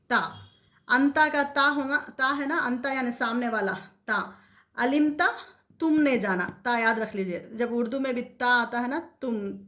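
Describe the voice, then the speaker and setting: Woman teaching Quranic grammar, slightly high voice. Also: fairly bright tone. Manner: repeats and drills grammar points, asks rhetorical questions. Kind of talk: explanatory lesson.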